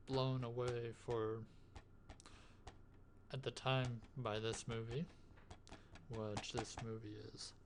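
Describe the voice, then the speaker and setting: A man speaks softly in an ASMR manner at a slow, unhurried pace. He sounds gentle and musing, chatting casually as the host. Clear tapping and clicking noise runs behind his medium-pitched voice. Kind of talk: soft-spoken ASMR, casual rambling movie talk. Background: finger tapping and clicking sounds.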